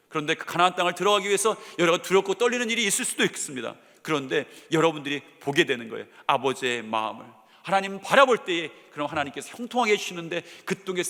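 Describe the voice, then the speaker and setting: Bright-voiced man preaching in a reverberant hall. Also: high-pitched. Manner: earnest preaching, swings from loud urging to hushed tender lines. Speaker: senior pastor. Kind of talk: sermon. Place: church sanctuary. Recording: long church-hall reverb.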